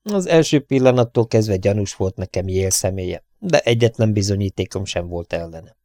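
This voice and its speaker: Man doing a calm inspector in an audiobook, low steady voice, dry. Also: no echo. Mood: calm, firm. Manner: calm, measured. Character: calm middle-aged male police inspector, composed. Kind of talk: audiobook character reading.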